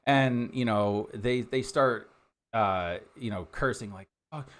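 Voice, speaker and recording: A man running a tabletop game, narrating casually as he improvises, in a halting, conversational way. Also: fairly low pitch. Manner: halting, conversational, many trailing pauses. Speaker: game master.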